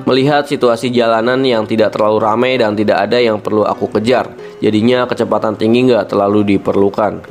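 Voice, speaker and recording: A man narrating a first-person mystical horror story with measured pacing and dramatic pauses. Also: on the low side. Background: faint music.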